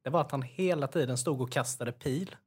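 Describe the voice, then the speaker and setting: A man's voice: medium pitch, husky. A man co-hosting a casual podcast chat, telling anecdotes with dry irony and casual swearing. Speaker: podcast co-host.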